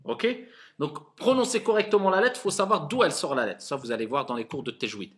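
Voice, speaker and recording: A man's voice: on the high side, brisk. A man teaching Arabic reading to a class as an imam, coaxing his students and repeating sounds for them to echo. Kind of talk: classroom lesson.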